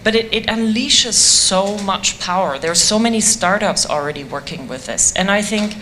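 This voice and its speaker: A woman's voice: medium pitch, animated, normal speed, sharp tone, slight background noise. A woman speaking enthusiastically on a conference panel about a community-driven voice project, with a self-deprecating humor.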